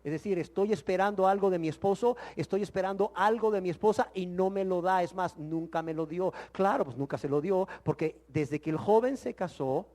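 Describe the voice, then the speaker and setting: High-voiced emphatic preacher. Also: male voice, a little fast, few pauses. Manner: emphatic, rhetorical questions, swings from loud to hushed. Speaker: Bible teacher. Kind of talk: sermon-style Bible teaching.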